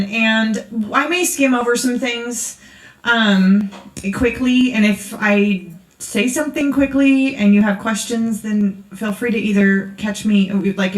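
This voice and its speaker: A woman giving a casual, candid conference message to a church audience, chatty and full of fillers. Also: on the high side. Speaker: conference speaker. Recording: echoey hall sound.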